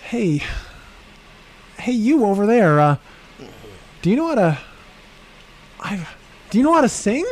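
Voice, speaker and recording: A man's voice: high-pitched, big pitch swings, unhurried, long pauses, exaggerated voice. A man playing a timid, awkward young diver who stammers and whines, in a comedy sketch. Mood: sheepish. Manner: stammering and whiny.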